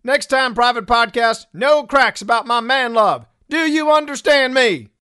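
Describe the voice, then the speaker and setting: A man playing a gruff, bossy male drill sergeant who barks orders in a comedy podcast sketch. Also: very high voice, lively intonation, a little slow, bright, forceful tone, heavily acted. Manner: barking orders, mocking.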